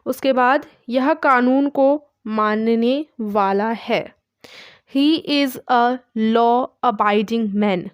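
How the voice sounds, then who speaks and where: Slow, clear woman teaching English. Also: fairly high pitch, no room sound, highs cut off. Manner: says English sentences slowly after Hindi translations. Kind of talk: online language lesson.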